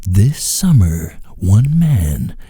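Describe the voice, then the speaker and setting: A man putting on the voice of a grumbly male movie trailer announcer, drawing each phrase out slowly and dramatically. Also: on the low side, sing-song, mellow, breathy edge, no echo, clean studio sound, voice pushed up, full character voice. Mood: dramatic. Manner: slow, drawn-out dramatic delivery.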